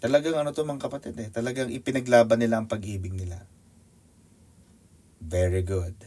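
A man with a Filipino accent preaching a sermon in an animated, teasing way that leaps up in pitch for emphasis. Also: fairly quick. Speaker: pastor. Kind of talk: sermon teaching.

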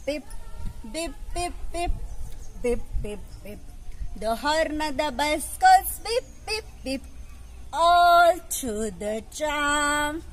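A young woman with an Indian English accent, a pre-primary teacher, sings a nursery rhyme with actions in an outdoor school garden. Her high, slightly bright voice is slow and sing-song, paired with big hand gestures, and a camera a few metres away records her.

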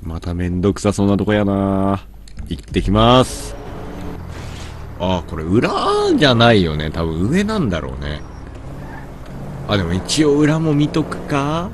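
A man's voice: on the low side, sing-song, measured pace, long pauses, slight background noise. A man with a stuffy nose, doing gameplay commentary, grumbling to himself and mock-scolding characters in the game. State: stuffy nose from hay fever.

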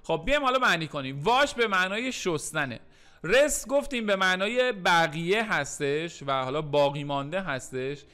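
Bright-voiced man teaching English. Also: high voice, clean tone. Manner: addresses learners as kids, repeats English phrases slowly then explains; joking asides in a lively teaching voice. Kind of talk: recorded language lesson. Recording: faint music underneath.

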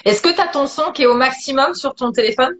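A woman hosts a casual live-stream interview from her phone, chatty and addressing her viewers directly. Her voice sits fairly high. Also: expressive, brisk, fairly bright tone. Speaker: host.

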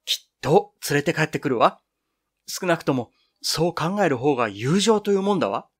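A man's voice: a little high, lively intonation, normal speed, breathy edge, pitched above the performer's own voice. A man reading the part of a delighted young woman who affirms her friends. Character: glad young woman Ayuko.

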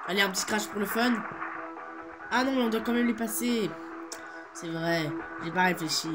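Over game music, a teenage video host gives casual, meandering gameplay commentary, playful and full of hesitations. He speaks at a normal speed in a high voice.

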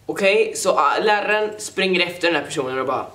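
A teenage boy vlogging, telling stories to the camera in an animated, joking way and apologizing often. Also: high-pitched, echoey room, background noise. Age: teens. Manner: animated, jokey, keeps apologizing. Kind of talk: casual storytelling to camera.

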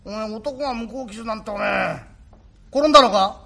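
Gruff, remorseful working dad, husky and high, thick old Tokyo shitamachi talk, played by a male rakugo teller. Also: normal speed, pushed and bright, exaggerated voice. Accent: Tokyo shitamachi (Edo). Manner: rough, apologetic, gruff tenderness. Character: remorseful father, rough working man, tender. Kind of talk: rakugo storytelling.

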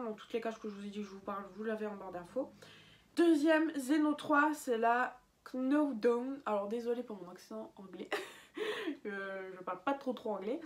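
A young woman with a fairly high voice talks through her advice in a loose, chatty way. She stumbles, restarts and fills pauses, laughing lightly at her own slips. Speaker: bird-keeping vlogger. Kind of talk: casual advice vlog.

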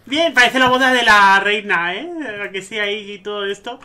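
Bright, gushing young Spanish man. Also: high-pitched, normal speed. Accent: Spain Spanish. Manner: gushing, excitable, sentimental. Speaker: gaming streamer. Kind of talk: casual let's-play commentary.

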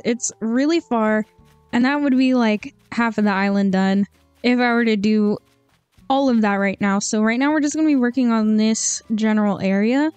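A woman's voice: on the high side, darkish tone, clear, resonant tone, no echo. Chatty young woman with a slight lisp. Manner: chatty and upbeat, with frequent ums. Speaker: gaming channel host. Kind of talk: casual game commentary voice-over.

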